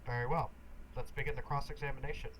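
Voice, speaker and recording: A man voicing a formal, measured courtroom judge in a game read. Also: medium pitch, steady tone, heavy background noise, close to an everyday voice. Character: stern older male judge.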